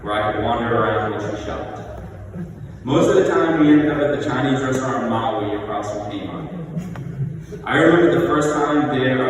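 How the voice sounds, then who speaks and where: A middle-aged man delivers a prepared eulogy in a large, heavily reverberant church. He speaks at an average pitch, reminiscing in measured short phrases. The microphone sits at a distance, with clear noise around the voice. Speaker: son giving a eulogy. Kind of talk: prepared eulogy speech, read aloud. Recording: echoey church hall, distant mic, noisy.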